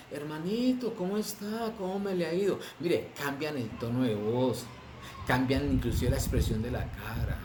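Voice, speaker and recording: A man's voice: mid-range voice, background noise. Preaching man in an echoey room. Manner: preaching with drawn-out stresses and rhetorical questions. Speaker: pastor. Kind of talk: sermon.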